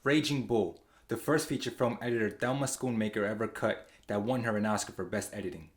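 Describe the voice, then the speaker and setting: A man's voice: fairly low pitch, brisk. A man giving a scripted film-essay narration, with an emphatic, dramatic delivery, over a noisy recording. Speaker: video essayist.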